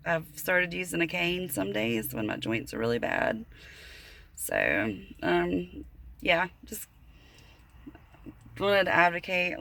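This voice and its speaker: Gravelly, bright-toned woman vlogger. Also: fairly low pitch, slight background noise. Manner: halting, earnest, full of fillers and restarts. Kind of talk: casual personal vlog talk.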